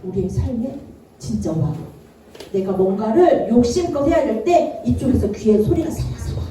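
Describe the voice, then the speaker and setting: Animated woman preaching to children, echoey church. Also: a little high, moderate pace, slight background noise. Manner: animated, playful, acts out characters and asks the children questions. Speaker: children's Sunday school preacher. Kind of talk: lively children's sermon with acted Bible voices. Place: church worship room. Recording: roomy echo, distant from mic, faint ambience.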